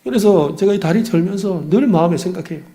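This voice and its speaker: A man's voice: high-pitched, fast, dark tone. A middle-aged man, a pastor, preaching an earnest, confessional sermon with personal stories.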